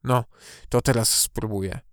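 A man's voice: mid-range voice, steady tone, measured pace, clear, resonant tone, no room sound, clean studio sound, close to an everyday voice. A man voicing a poor, worried village mother. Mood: anxious. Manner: worried, fretful questioning. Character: poor, anxious, devout mother fearing for her sick daughter.

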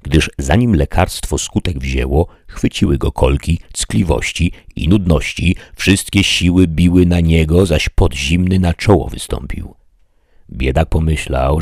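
A man reading a classic novel aloud as an audiobook narrator, in a measured storytelling way. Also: very deep voice, a little mellow, slightly rough, dry recording, clean studio sound.

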